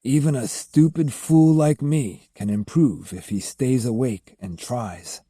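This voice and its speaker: A man voicing a humble young man, earnest and gentle, in an audiobook. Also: medium pitch, measured pace, breathy edge, no room sound, clean studio sound. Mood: reflective. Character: humble young man, reformed former braggart. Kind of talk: audiobook character voice.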